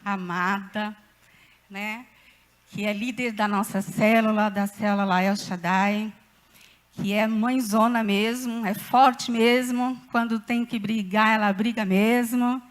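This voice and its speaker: A woman, speaking for her church cell group and paying a warm, affectionate tribute. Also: medium pitch, steady tone, slow.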